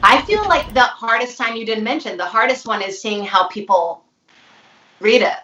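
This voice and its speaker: A woman's voice: fairly high pitch, moderate pace, sharp tone, a little hiss or hum. A woman guest speaking thoughtfully, searching for words, in casual chat. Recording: roomy, distant, dull audio.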